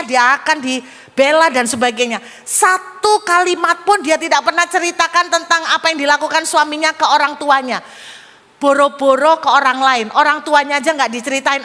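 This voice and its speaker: A woman pastor preaching a sermon, telling stories that swing between emphatic and hushed, in a church hall with a long reverb. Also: sits high.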